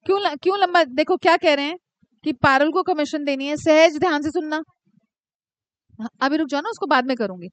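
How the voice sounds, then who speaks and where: High-voiced teacher, dry close sound. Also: female voice, no room sound. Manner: scolds and teases students by name, dictates slowly. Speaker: commerce teacher. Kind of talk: live classroom lecture.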